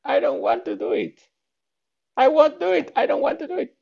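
Small frightened schoolboy, comic radio play: very high, swooping, stammering protests, muffled from inside a locker. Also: male voice, wildly swooping pitch, normal speed, vocal fry, exaggerated voice. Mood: whiny, pleading. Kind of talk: comedic radio-play acting.

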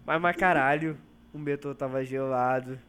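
A man's voice: mid-range voice, normal speed, smooth. A man with a Rio de Janeiro accent, telling a story to friends in casual, slangy chat. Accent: Rio de Janeiro Portuguese. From Rio de Janeiro, Brazil. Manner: animated, slangy, laughs through his story. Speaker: podcast co-host.

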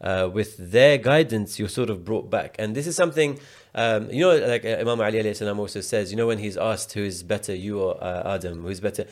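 A man's voice: fairly low pitch, brisk, hardly any pauses. A man from the UK, a podcast guest telling a personal story in a slangy, casual way, often restarting and repeating words.

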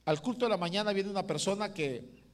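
A man preaching a sermon as pastor, asking the congregation questions and swinging from loud calls to hushed asides. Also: high-pitched, brisk.

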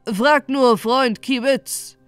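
A chorus of frogs, croaking and shouting together, put on by a woman reading a storybook. The sound is loud and gruff against faint music. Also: high voice, drawn-out words, no room sound, pitched above the performer's own voice.

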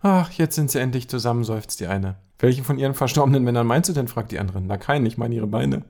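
Casual mid-pitched man swapping jokes. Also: animated, fast, dark tone. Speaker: podcast co-host. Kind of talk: casual joke-telling chat.

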